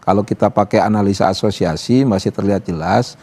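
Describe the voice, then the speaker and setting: A man's voice: on the low side, quick pace, a little mellow. A man appearing as an activist guest on a TV talk show, speaking in a casual, talkative way with lots of fillers. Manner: casual and talkative, many fillers like "gitu" and "apa namanya". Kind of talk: live TV talk show discussion. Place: TV studio.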